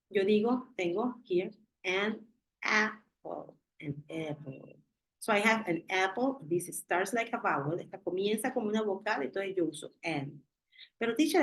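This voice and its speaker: A woman's voice: medium pitch, breathy edge, rough recording. A woman teacher explains English grammar in a video-call class, switching between Spanish and English and working patiently through one example after another.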